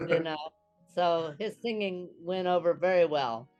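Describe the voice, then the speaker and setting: A man's voice: fairly high pitch, muffled recording, soft background music. Chuckling man guest from Texas. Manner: halting starts, chuckling as he talks. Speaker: filmmaker and comedian guest. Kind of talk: casual interview chat.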